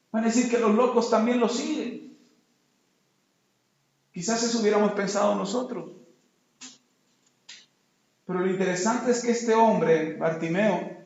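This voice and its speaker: High-voiced preacher in echoey hall. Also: male voice, a little mellow, lo-fi sound. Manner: dramatic, acts out the story in voices. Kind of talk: sermon at a night vigil.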